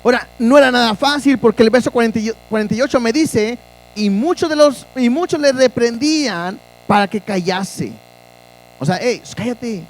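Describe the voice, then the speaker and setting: A man's voice: very high-pitched, normal speed, rough recording. A man preaching a sermon as pastor, earnest and asking his listeners direct questions.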